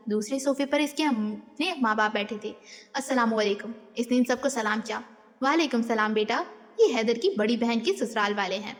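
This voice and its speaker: A woman reads a novel aloud, carrying both the narration and the characters' dialogue. Her voice sits fairly high, and a long reverb trails each line. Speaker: audiobook narrator.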